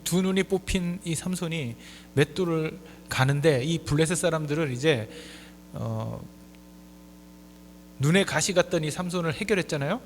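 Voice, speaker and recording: A man in his forties delivers a sermon with a fairly high voice, dropping low and quiet, then surging loud and high for emphasis. The church room gives a long reverb tail, and a faint electrical hum sits underneath. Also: moderate pace. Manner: emphatic preaching, swinging from soft low asides to loud high appeals. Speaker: pastor. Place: church sanctuary.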